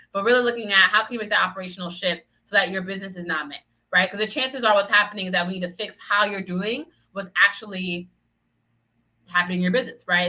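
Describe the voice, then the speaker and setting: A woman's voice: medium pitch, bright, forceful tone, poor audio. A woman business coach giving an upbeat solo podcast talk, checking in with "right?" again and again. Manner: upbeat, peppers sentences with "right?"; acts out little voices of clients.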